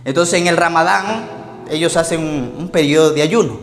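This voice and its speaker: Un pastor que predica un sermón contando anécdotas, hace preguntas a la congregación y se ríe de sus propios chistes. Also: male voice, on the high side, normal speed. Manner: storytelling, asks the congregation questions, laughs at his own jokes. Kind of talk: sermon. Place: church hall. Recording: echoey church hall with faint music.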